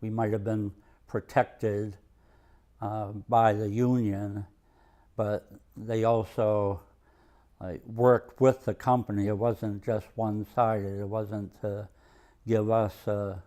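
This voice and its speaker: An older retired man with a Maine accent, reminiscing in an interview in a halting, plainspoken, understated way. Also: on the low side, level tone, warm tone. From Maine, USA. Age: over 65. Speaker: retired mill worker and museum volunteer. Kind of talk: oral history interview, reminiscing.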